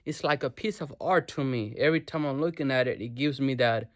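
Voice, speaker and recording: A man's voice: medium pitch, a little fast. Slangy young man talking motivation. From Nepal. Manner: slangy, swears, calls viewers bro. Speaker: vlogger. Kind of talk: casual motivational talk to camera. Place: his bedroom.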